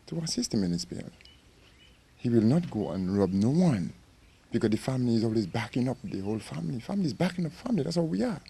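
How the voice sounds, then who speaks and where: Impassioned man, dark voice. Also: mid-range voice, gravelly, breathy edge. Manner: impassioned, repetitive. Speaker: interviewee, victim's uncle. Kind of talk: emotional news interview.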